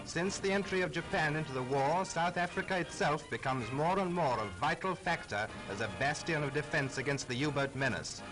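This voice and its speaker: A man's voice: a little high, low-quality recording. Man narrating an old wartime newsreel. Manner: brisk, formal, patriotic delivery. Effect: old newsreel soundtrack. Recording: old newsreel soundtrack over loud music.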